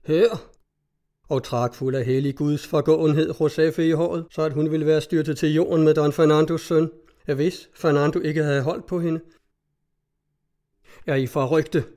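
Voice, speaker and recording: Mellow male audiobook narrator. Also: on the high side, fairly even intonation. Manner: measured, formal storytelling. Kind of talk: audiobook reading of classic prose.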